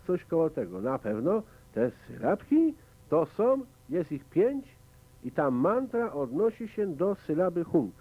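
Lively-voiced man teaching meditation, tinny sound. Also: fairly high pitch. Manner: conversational, asks listeners questions. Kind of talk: spoken commentary on a meditation. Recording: tinny, phone-like lo-fi recording.

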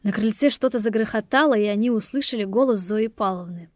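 A woman's voice: medium pitch, brisk, no echo, studio quality. Woman reading a romance audiobook. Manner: steady, expressive reading. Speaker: audiobook narrator. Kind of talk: scripted narration.

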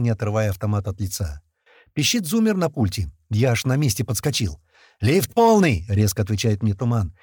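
Lively male audiobook narrator, dry sound. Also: mid-range voice, no room sound. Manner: lively, shouts character lines. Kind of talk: audiobook narration with acted dialogue.

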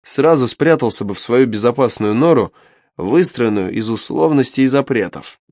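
A man's voice: medium pitch, animated, normal speed, a little mellow, no echo, close to an everyday voice. A man voicing a sly, mocking male imp with a horned devil's gleeful, taunting manner in an audiobook. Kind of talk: audiobook character voice.

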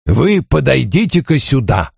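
A man doing a gravelly old farmer father. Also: mid-range voice, a little slow, no room sound, studio quality, exaggerated voice. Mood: persuasive. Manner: calm and persuasive.

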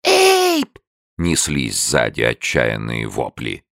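A man reading a novel aloud in an expressive storytelling manner. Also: very deep voice, moderate pace, gravelly, no room sound, clean studio sound. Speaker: audiobook reader. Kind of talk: scripted literary narration.

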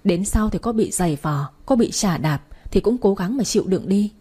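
A woman's voice: mid-range voice, animated, moderate pace, mellow, husky. A woman voicing a cold, bitter young father who speaks curtly in an audiobook. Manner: curt and cold.

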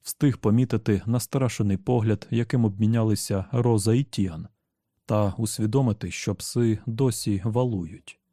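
A man narrating an audiobook in a steady, measured storytelling manner. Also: lowish voice, dry recording, studio quality. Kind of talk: scripted narration.

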